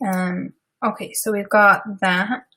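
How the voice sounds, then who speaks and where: On her live stream, a Scottish website designer talks casually and wanders through the session with many asides and fillers. Her medium-pitched voice is pushed and bright, level in tone, and she speaks slowly.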